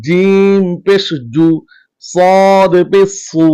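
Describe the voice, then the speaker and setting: A man teaching Quran reading, chanting each Arabic letter with its vowel mark in a slow, measured drill, then speaking to his viewers in a softer voice. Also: high-pitched, level tone, clean tone. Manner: softer, quicker closing talk to viewers.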